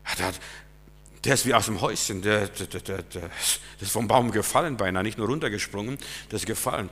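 Bright-voiced preacher in an echoing hall. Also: male voice, lowish voice, brisk. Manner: emphatic, swings between loud and quiet. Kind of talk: sermon.

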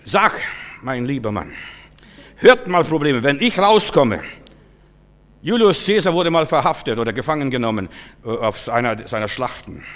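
A man's voice: mid-range voice, big pitch swings, normal speed, long pauses. Preaching man in a reverberant hall. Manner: swings between loud shouted proclamations and quiet storytelling. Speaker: pastor. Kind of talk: sermon.

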